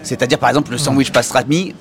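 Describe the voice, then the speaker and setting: A man hosting a podcast in casual chat, excitable and joking, often breaking into laughter. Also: mid-range voice, quick pace, vocal fry. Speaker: podcast host. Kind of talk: casual chat on a kitchen tour.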